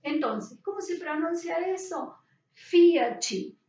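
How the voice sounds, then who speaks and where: A high-voiced woman gives a lecture, explaining step by step and often checking that her students follow. Her voice sits back from the mic in a roomy space, and the sound is a little dull. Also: expressive, measured pace, darkish tone, recorded from a distance. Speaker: teacher.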